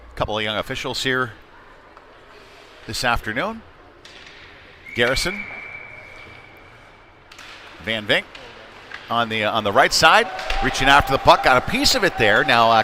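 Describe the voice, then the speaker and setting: Pausing often, a man with an animated, medium-pitched voice calls a youth hockey game live at a moderate pace. He sounds conversational and a little unsure and unpolished, with game noise from the rink all around.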